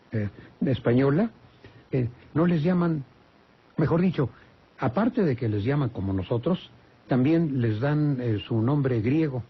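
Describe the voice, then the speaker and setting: An older man with a Mexican Spanish accent, a language expert answering listener questions on a radio call-in show, speaking slowly with many hesitations and self-corrections. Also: mid-range voice, slightly rough. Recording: dull lo-fi radio broadcast.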